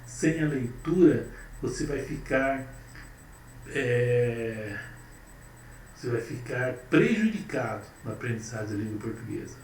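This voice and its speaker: Guy teaching portuguese, slow and deliberate, distant mic, faint hiss. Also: mid-range voice, lively intonation, darkish tone, roomy sound. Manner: slow, emphatic, repeats words and asks "certo?". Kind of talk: classroom lesson.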